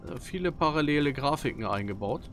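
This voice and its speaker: A man's voice: mid-range voice, expressive, fairly quick, noisy background. A man giving casual gameplay commentary into a headset, sometimes reading on-screen text aloud. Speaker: let's player. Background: faint game music.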